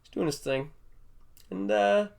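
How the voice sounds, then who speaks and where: A young man hosts a casual podcast chat, rambling through jokey stories and laughing often. His voice sits high and sounds a little gravelly, and he talks somewhat slowly.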